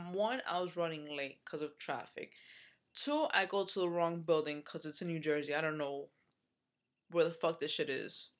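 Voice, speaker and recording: Frustrated young woman ranting, low-voiced. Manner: frustrated, swears, many fillers. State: runny nose. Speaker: vlogger. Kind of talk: casual vlog rant.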